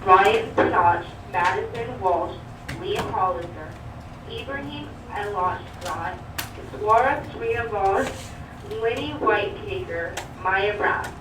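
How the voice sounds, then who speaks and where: A woman reading morning announcements over a school intercom in an upbeat, clear way. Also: mid-range voice, lively intonation, takes it slowly. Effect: over a school intercom loudspeaker. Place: classroom hearing the intercom. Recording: echoey loudspeaker heard from far off with background noise.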